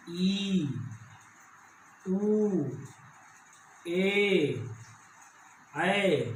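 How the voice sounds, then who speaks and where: High, bright-voiced man teaching in an echoey room. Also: recorded from a distance, slight background noise. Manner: slow, repetitive explaining. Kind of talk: Hindi grammar lesson.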